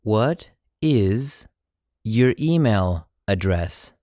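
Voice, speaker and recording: An English teacher speaking phrases slowly in chunks and repeating each one. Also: mid-range voice, animated, warm tone, dry recording, studio quality. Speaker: language teacher. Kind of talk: slow drill of English phrases.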